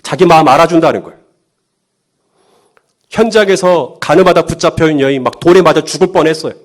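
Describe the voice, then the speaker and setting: A male pastor preaching a sermon, lively, firing rhetorical questions at the congregation and acting out quotes. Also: fairly high pitch, fairly quick.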